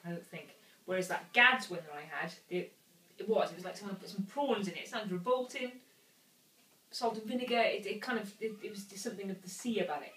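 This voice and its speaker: A woman's voice: medium pitch, quick pace, sharp tone. A woman in her thirties giving her opinions in a casual chat as a beer reviewer. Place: home kitchen, indoors. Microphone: camera a few feet away. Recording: echoey kitchen, distant camera mic, faint noise.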